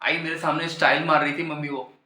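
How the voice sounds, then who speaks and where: A man's voice: a little high, level tone, fast talker, sharp tone, roomy sound. A young man performing a comic monologue, gossiping and complaining to his mother in a whiny way. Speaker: comedian.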